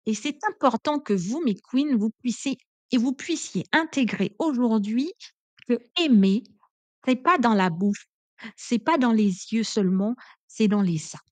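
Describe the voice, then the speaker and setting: A woman's voice: fairly high pitch, animated, unhurried, darkish tone, dry recording. A woman giving relationship advice in a chatty, emphatic monologue, full of little asides. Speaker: relationship coach.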